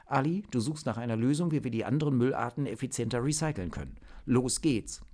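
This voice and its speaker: A man voicing an earnest young woman who leads a team, giving firm, quick orders in a raised voice. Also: on the high side, big pitch swings, darkish tone, pitched above the performer's own voice. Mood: urgent.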